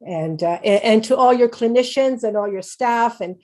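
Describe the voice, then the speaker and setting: A Canadian woman in her sixties, raised in Hamilton, Ontario, gives a personal, conversational presentation as a patient speaker, candid and informal. Her voice is fairly high, a little mellow, and moderately paced.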